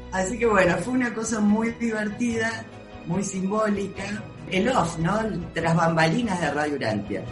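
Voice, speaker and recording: A woman with a Rioplatense Spanish accent telling an emotional radio-station anecdote in a lively, casual way. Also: medium pitch, unhurried, over music. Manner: animated, emotional storytelling. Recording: echoey room.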